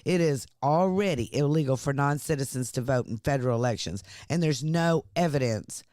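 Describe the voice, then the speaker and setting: A man's voice: mid-range voice, fairly quick, a little mellow, dry recording, studio quality. A man, co-hosting a political talk podcast and reading news items aloud in a conversational way. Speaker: podcast co-host.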